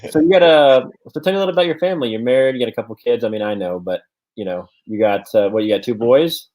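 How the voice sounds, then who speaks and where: A man's voice: medium pitch, quick pace, darkish tone, rough recording. A man hosting a casual local-business interview, upbeat and loose, with many "you know" and "um" fillers. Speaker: host.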